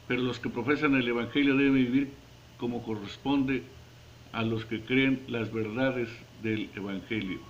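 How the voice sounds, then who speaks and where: A man's voice: mid-range voice, lo-fi sound, slight background noise. Earnest man reading a Bible commentary. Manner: earnest, measured reading with occasional stumbles. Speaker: devotional preacher. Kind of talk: read-aloud Bible commentary and prayer.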